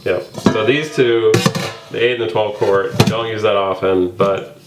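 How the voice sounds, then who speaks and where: A man's voice: lowish voice, steady tone, a little slow, roomy sound, heavy background noise. A man co-hosting a casual kitchen tour, talking in an opinionated, playful way. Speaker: home cook and co-host.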